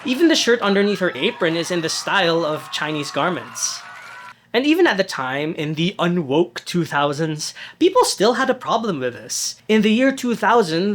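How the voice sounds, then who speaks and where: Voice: mid-range voice, fairly bright tone. A narrator reading a scripted video essay in a conversational tone with wry asides.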